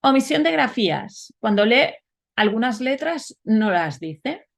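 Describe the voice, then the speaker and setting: A woman's voice: a little high, very animated, unhurried, vocal fry. A woman giving a webinar lecture, explaining step by step and often asking rhetorical questions. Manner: explanatory, frequent rhetorical questions and "¿vale?" checks. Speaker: teacher.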